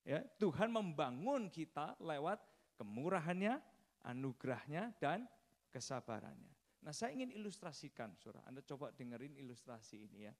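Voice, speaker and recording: A man's voice: on the high side, sing-song, normal speed. A man preaching a sermon, telling a story and often addressing the congregation directly.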